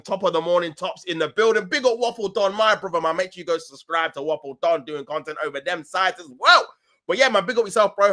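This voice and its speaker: A man's voice: fairly high pitch, sharp tone. A young man hosting a casual football live stream, reading chat messages in loose, slangy talk and laughing often.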